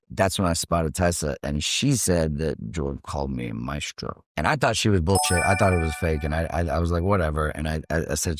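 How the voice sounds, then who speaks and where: A middle-aged man, an actor and acting coach, telling animated anecdotes in a podcast interview and acting out the lines of the people in them. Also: low-pitched, no echo, studio quality. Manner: lively anecdotal storytelling, acting out quoted lines.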